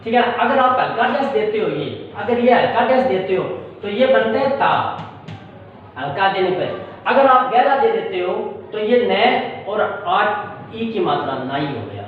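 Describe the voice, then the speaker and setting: A high-voiced man teaches shorthand in a patient, repetitive way, often pausing to check that the class follows. He sounds distant and very echoey, with a dull tone and a faint hiss behind him. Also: lively intonation. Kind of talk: classroom-style tutorial.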